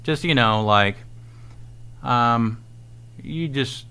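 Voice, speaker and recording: A man hosting a podcast, talking casually in a hesitant, halting way with frequent ums and swearing. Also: medium pitch, bright, forceful tone, clear, resonant tone.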